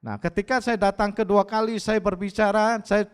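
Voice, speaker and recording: A man's voice: high-pitched, steady tone, moderate pace, clean tone. A male pastor with an Indonesian accent preaching an earnest sermon in a church, punctuating his phrases with short affirmations. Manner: earnest, repeats "ya" between phrases. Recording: church hall with long reverb.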